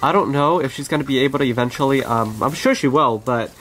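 A channel host who owns pet birds gently narrates footage of them in a casual, conversational style, recorded on the camera mic in an outdoor aviary. She speaks fast in a mid-range voice, and there is a little hiss or hum.

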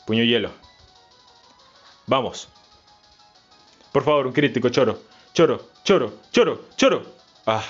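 A man hosting a let's-play, chanting and repeating words and swinging between low mutters and yells. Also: highs cut off. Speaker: gaming channel host. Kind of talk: excited let's-play commentary.

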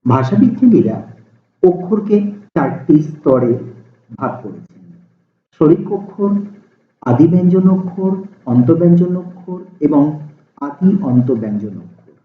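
A man teaching a lesson, explaining slowly and deliberately, stretching out sample syllables to show how they sound. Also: on the high side, big pitch swings. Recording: tinny, echoey phone-like sound.

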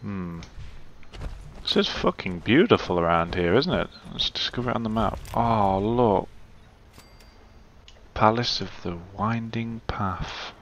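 A man's voice: fairly low pitch, expressive, unhurried, pauses often, fairly bright tone, slight background noise. A man giving casual, muttering gameplay commentary and swearing freely. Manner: chatty, swears, mutters to himself. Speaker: let's play gamer.

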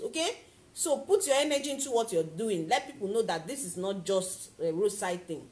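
A woman coaching on network marketing in a motivational talk to camera, animated and acting out little scenes. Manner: animated, acts out little scenes with big pitch jumps.

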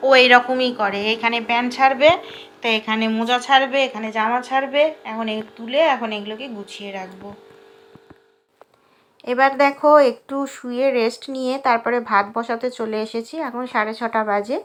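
A woman's voice: a little high, steady tone, moderate pace, a bit bright, slight background noise. A woman in her thirties with a West Bengal Bengali accent, chatting casually to her viewers as she goes about her day at home. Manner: chatty, addresses viewers as friends. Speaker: vlogger. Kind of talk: casual chatty vlog narration. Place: home interior.

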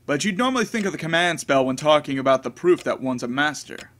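A man voicing a proud, quick-tempered young woman mage in a game, raising his voice high for her indignant outbursts. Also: animated, a bit bright.

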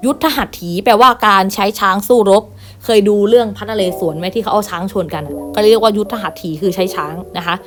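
A woman teacher giving an online lesson to primary pupils, reading words aloud one by one and gently repeating them. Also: medium pitch, fast, over music. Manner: patient, reads each word aloud and repeats with gentle "na kha" tags. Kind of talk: online class lesson, reading word lists.

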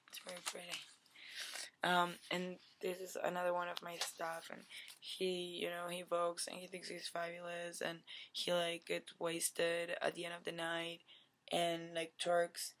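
A woman in her twenties giving a deadpan comic pitch on a webcam in a dim bedroom, rambling with lots of "like" and "you know". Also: unhurried, slight background noise. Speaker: vlogger. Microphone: webcam at desk.

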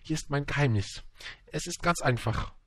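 A man voicing a wise, tender male fox in an audiobook, speaking calmly and instructively. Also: a little high, normal speed, a little hiss or hum, pitched above the performer's own voice, lightly acted.

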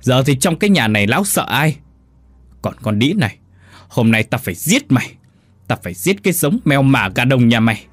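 A man's voice: medium pitch, big pitch swings, brisk, dry recording. Man voicing a shrieking enraged older wife. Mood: furious. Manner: screaming insults. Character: furious older woman, violent shrewish wife.

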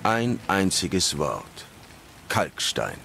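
Deep gravelly stoic monster hunter. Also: male voice, drawn-out words, exaggerated voice. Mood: stoic, dry. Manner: laconic, deadpan. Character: terse stoic male monster hunter, gruff and dry. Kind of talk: scripted video game dialogue in German dub.

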